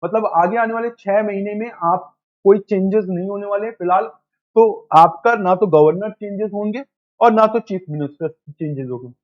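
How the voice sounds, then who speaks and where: A man with a high voice gives an exam-prep lecture in a patient, repetitive teacher's manner. He quizzes his students, answers each question himself, and calls them "beta". The sound is dull and lo-fi. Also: normal speed.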